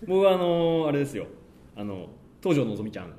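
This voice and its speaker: Rapid-fire joking man, roomy echo. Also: a little high, sing-song, mellow, a little hiss or hum. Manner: rapid-fire, joking, rattles off long lists. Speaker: podcast co-host. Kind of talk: casual chat.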